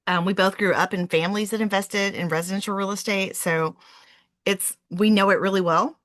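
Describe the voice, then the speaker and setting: A woman's voice: medium pitch, steady tone, normal speed, a bit bright, dry recording. Chatty woman guest, dry close sound. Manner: chatty, frequent "um" fillers, self-correcting. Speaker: real estate investor and guest. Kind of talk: casual interview answers.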